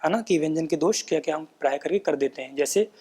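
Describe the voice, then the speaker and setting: A man giving a patient, explanatory lesson on pronunciation, often checking in with tag questions and chanting rules in a measured recitation. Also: fairly high pitch, a little mellow, slightly rough. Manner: patient, repeats points with frequent "है ना" tag questions. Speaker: Sanskrit pronunciation teacher. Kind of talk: explanatory lecture.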